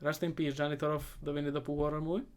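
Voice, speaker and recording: A man giving a comedic movie recap, sarcastic and profane, rambling and often trailing off into quieter asides. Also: on the high side, little pitch movement, very fast, clean tone. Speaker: movie reviewer.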